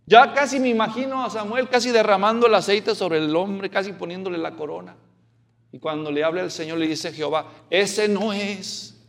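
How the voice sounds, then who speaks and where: A man with a high, gravelly voice preaches an expository sermon at a fairly quick clip. He's animated, putting questions to the congregation and acting out the quotations.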